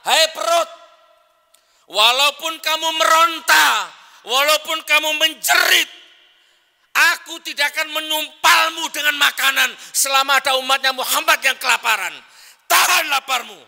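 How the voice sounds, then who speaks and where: A man preacher voicing a stern caliph who fiercely shouts down his own hungry belly. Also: very high-pitched, unhurried, gravelly, pitched above the performer's own voice, exaggerated voice. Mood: fierce shouting. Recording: long hall reverb.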